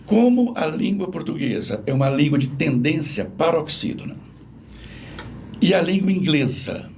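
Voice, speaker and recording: In an interview, a Brazilian-accented language professor explains things patiently in an animated, didactic way, spelling out examples. He speaks at a moderate pace in a slightly high voice, with slight background noise.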